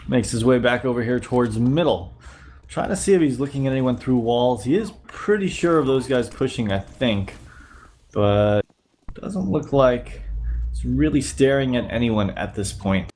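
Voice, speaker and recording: At a moderate pace and medium pitch, a slightly nasal man who is sick casually talks through gameplay as a YouTube host. It's laid-back play-by-play, with a little hiss or hum in the audio.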